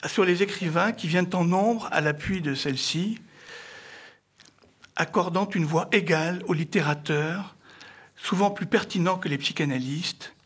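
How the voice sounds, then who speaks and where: A middle-aged man presenting an author's book to an audience in formal, literary phrasing, with halting, hesitant delivery and a husky voice. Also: high-pitched, fairly bright tone. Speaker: speaker introducing an author's book. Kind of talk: semi-prepared public book presentation.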